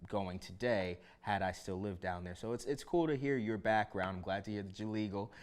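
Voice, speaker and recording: Laid-back low-voiced host from Harlem. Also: male voice, fairly quick. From New York City (Harlem). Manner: easygoing, many "you know" fillers. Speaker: podcast host. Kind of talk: casual interview chat.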